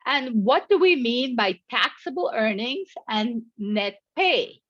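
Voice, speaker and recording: A middle-aged woman, an insurance agent, gives a scripted webinar presentation in a measured way, reading prepared remarks. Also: a little high, lively intonation, a bit bright, no echo, highs cut off.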